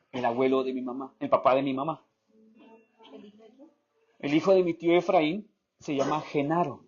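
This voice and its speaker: A man from Colombia with a Bogotá accent, a pastor telling a story in a sermon and acting out the voices of people in it. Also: a little high. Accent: Bogotá Colombian Spanish. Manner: animated storytelling, acts out quoted voices. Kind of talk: sermon testimony. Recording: slightly dull lo-fi sound.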